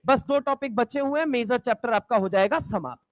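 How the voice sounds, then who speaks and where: A man teaching chemistry to a class, bantering and teasing students and drilling mnemonics slowly, sometimes shouting key points. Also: very high voice, no echo. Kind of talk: classroom lecture with call-and-response.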